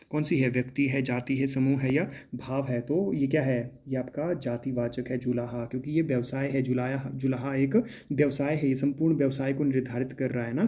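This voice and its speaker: A man teaching as he works through mock exam questions, often checking in with the class and pausing with drawn-out hesitations. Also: medium pitch, dark tone. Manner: repetitive, checks in with "है ना" and "ठीक है".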